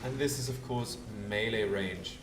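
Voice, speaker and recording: A man's voice: lowish voice, a little slow, noisy background. A man hosting a let's play with casual commentary, thinking aloud and talking to the game's characters. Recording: roomy distant voice under loud game music.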